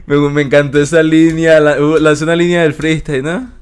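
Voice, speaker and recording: A man with a Venezuelan accent, casually reacting to rap verses on a stream in a slangy, excitable way. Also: a little high, fairly quick, clean tone. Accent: Venezuelan Spanish. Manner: slangy, excitable, keeps saying "brother" and "¿me entiendes?".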